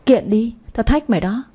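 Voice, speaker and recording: A woman's voice: medium pitch, warm tone, lightly acted. A woman voicing a young woman who is furious at being betrayed by a girl she treated as a sister. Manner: angry, accusing.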